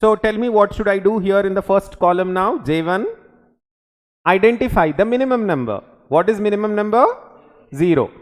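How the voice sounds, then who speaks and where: A man in his forties, speaking with a Telugu Indian English accent, teaches a class in an indoor studio or classroom with a lot of reverb. His voice is high-pitched with a lively intonation, and he speaks at a normal speed. He uses short instructional phrases and often asks check questions.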